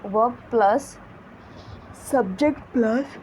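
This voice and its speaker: A woman teaches an English grammar lesson, spelling out each example sentence at a slow, careful pace. Her voice sits a little high, with a faint hiss of noise under it. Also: a little mellow, rough recording. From India.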